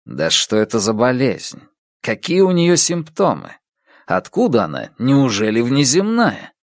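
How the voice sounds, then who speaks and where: Male reader doing a skeptical Russian astronomer, insistent, lively intonation. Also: mid-range voice, unhurried, no echo, clean studio sound, full character voice. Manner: pressing questions, skeptical.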